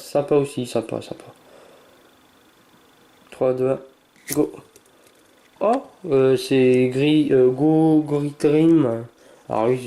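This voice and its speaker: A man's mellow, soft-edged voice runs through a casual card-opening commentary, naming each card in a low mutter. He stammers now and then and bursts into sharp exclamations, yet holds himself back from shouting. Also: slight background noise. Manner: reads card names aloud, stammers, bursts into excited exclamations. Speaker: YouTuber opening trading cards.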